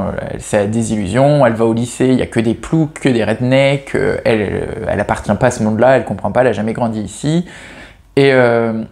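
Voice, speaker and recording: A man's voice: mid-range voice, a little mellow. Chatty, hesitant French-speaking man. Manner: hesitant, frequent restarts and self-corrections; chatty and self-mocking. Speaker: book reviewer. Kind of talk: casual chat about novels.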